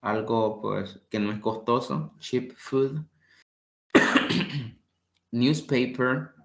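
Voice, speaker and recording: Male tutor, patient and repetitive, echoey room recording. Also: medium pitch. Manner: repeats each word slowly, explains patiently, clears throat often. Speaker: English tutor. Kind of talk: online language class.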